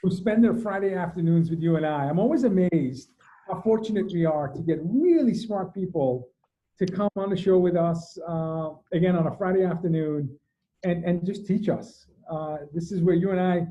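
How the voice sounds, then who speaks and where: Man, co-host, upbeat, introduces guests, high voice, mellow tone. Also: moderate pace. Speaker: show co-host. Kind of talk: casual show hosting. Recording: dull lo-fi call audio.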